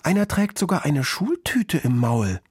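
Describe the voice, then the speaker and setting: A man voicing an excited, insistent little girl in a storybook reading, with high, squealing pleas. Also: a little slow, husky, no echo, clean studio sound, exaggerated voice.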